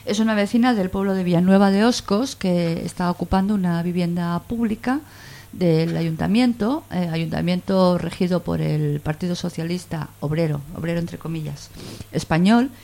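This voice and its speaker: Slightly hoarse woman radio host. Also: lowish voice, normal speed, mellow. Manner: casual, rambling. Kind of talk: community radio interview.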